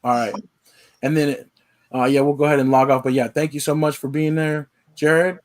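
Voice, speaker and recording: A man hosting a casual sports podcast, laid-back and relaxed, with frequent fillers. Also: a little high, moderate pace. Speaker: podcast host. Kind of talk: casual sign-off chat.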